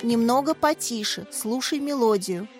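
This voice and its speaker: A woman's voice: a little high, animated, normal speed, lightly acted. A woman voicing a kind, patient female music teacher, encouraging in manner.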